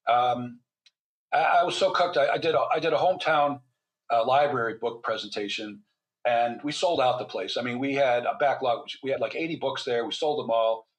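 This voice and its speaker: An older man, physician and author, is a guest on a casual podcast, telling stories chattily with a wry sense of humor and plenty of restarts. He speaks at a moderate pace in a mid-range voice, captured on poor audio.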